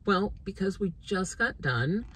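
A woman in her forties chats from a parked car, her voice swinging up and down as she rambles on with excitement. The phone mic sits a little away from her, and a faint hum from the car sits under her voice. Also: medium pitch, unhurried, distant mic. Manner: chatty, rambling, lively and excitable. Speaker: homestead vlogger. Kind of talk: casual chat. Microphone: phone on the dashboard.

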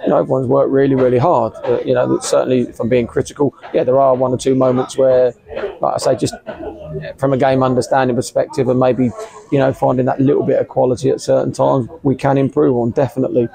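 Middle-aged English football manager, gravelly and mellow, measured post-match answers, recorded outdoors at a ground. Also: male voice, medium pitch, little pitch movement, rough recording. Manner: measured, hesitant, many fillers and repeats. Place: outdoors under a covered stand at a football ground.

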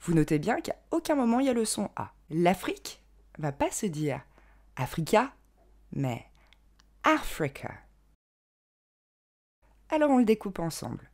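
Lively woman teaching pronunciation. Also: mid-range voice. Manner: clear, slow modelling of each word. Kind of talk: online pronunciation lesson.

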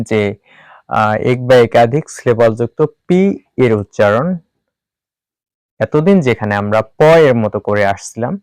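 A man's voice: lowish voice, darkish tone, clean tone, no echo, rough recording. A man teaching an English pronunciation lesson, spelling out letters one by one and repeating each rule for emphasis. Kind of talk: classroom-style lesson.

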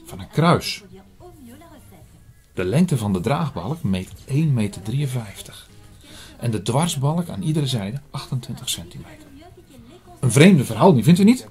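Over underlying music, a medium-pitched, sing-song, slightly mellow male voice narrates a scripted audio drama in the first person. He is the lead actor, playing an earnest priest probing an apocalyptic prophecy, and he explains his story in a measured, formal manner.

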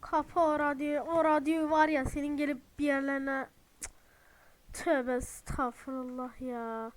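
A young woman streaming a horror game, swearing a lot, yelling in panic at the enemies and then whispering pleas not to be seen. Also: high voice, little pitch movement, a little slow. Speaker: gaming streamer. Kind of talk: horror game let's play commentary. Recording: faint background noise.

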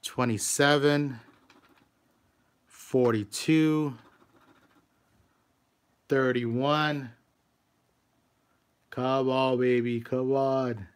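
A man's voice: mid-range voice, fairly even intonation, drawn-out words, long pauses, clear, resonant tone. A man hosting a live stream, scratching lottery tickets, greeting viewers by name and urging each ticket on. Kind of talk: casual live-stream commentary.

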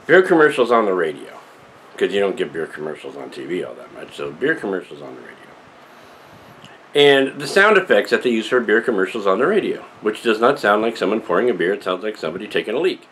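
In a low-quality recording with some hiss or hum, an older vlogger talks fast to camera, rambling and wry with a lively pitch while he works on a prop. He goes from a small, cluttered indoor room to a patio workshop.

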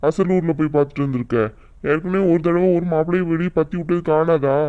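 A man's voice: a little high, steady tone, fast talker, clean tone, natural voice. Cartoon dad, domineering bully, as a man plays him; mocking, scolding, muffled lo-fi. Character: bullying domineering village father, middle-aged man.

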